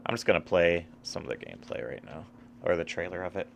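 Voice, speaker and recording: A man's voice: deep voice, animated, quick pace, gravelly, a little hiss or hum. A man chatting casually about video games as a streamer, swearing often and rambling with lots of fillers. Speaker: gaming streamer. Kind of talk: casual gaming chat.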